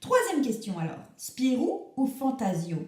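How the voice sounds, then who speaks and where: A woman's voice: on the high side, sing-song, measured pace, dark tone, echoey room. A woman playing an earnest young radio interviewer who asks questions in a mock-formal, teasing way in a comic radio sketch.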